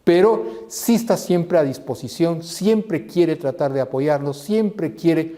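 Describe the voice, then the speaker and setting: Brief: middle-aged teacher, mellow tone, lively class-discussion delivery. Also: male voice, slow. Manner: animated, acts out quoted voices in a raised pitch. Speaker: seminary teacher.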